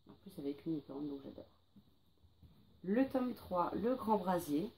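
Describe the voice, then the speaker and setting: A woman's voice: on the low side, expressive, unhurried, creaky, a little mellow. A woman presenting her pile of books to read in a casual vlog, listing titles with many hesitations and fillers. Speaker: book vlogger.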